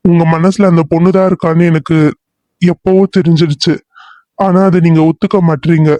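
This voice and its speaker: A man's voice: a little high, flat delivery, normal speed, dark tone, no room sound, voice pushed down, close to an everyday voice. A man doing an earnest police assistant. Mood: insistent. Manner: coaxing, insistent. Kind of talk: cartoon serial voice acting.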